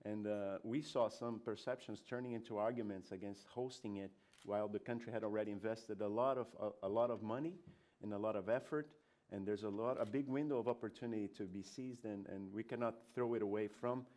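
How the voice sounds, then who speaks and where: Low-voiced man with a stuffy nose. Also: steady tone, fairly quick, few pauses, a little mellow. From Brazil. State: has a cold. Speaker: communications director giving a presentation. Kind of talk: prepared conference talk, spoken off the cuff.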